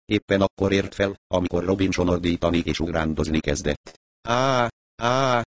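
A man reading a story aloud as an audiobook narrator, in a steady, even storytelling delivery. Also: deep voice. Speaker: audiobook reader. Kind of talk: scripted narration.

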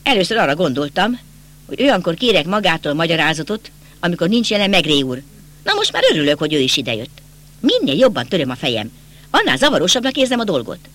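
A bitter, agitated young count, voiced by a man reading an audiobook presses and accuses in a bright, tense voice. His pitch leaps around with agitation. The speech is raised and insistent. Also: big pitch swings.

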